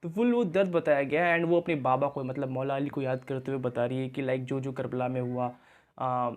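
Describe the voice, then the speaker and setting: A man's voice: medium pitch, fairly even intonation, brisk. A young man hosting a reaction video, explaining things in casual commentary and mixing English words into his talk. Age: young adult.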